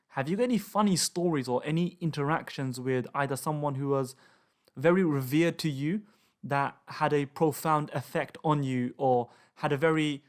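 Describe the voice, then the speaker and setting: A male host speaks over a video call with a voice a little higher than usual for a man. He asks long, meandering questions in a relaxed, chatty way. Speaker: interview host. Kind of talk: casual interview questions.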